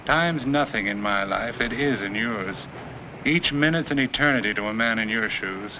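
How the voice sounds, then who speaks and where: A man's voice: mid-range voice, natural voice. A man playing a relentless, sardonic, coolly patient police detective in 1940s film noir style. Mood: menacing, sardonic. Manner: cold, sardonic, deliberate. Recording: muffled, noisy old film soundtrack.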